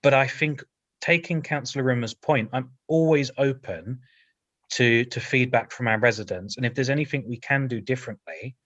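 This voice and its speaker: A man speaks as a councillor in a committee meeting, his delivery full of restarts and repeated words. The sound is dry and close, with no room echo. His pitch sits in a middling range. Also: moderate pace, fairly bright tone, lo-fi sound. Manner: hesitant, repeats words, jokes lightly.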